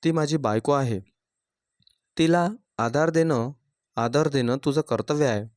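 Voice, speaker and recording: A man's voice: mid-range voice, a little slow, a little mellow, dry recording, close to an everyday voice. A man voicing a young husband who reproaches his sister firmly. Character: young husband, firm protective brother.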